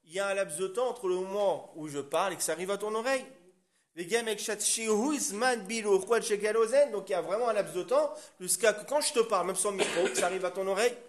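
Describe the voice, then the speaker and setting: A man with a high-pitched voice talks fast while teaching a Torah class. He explains things step by step and frequently checks that the class is following along.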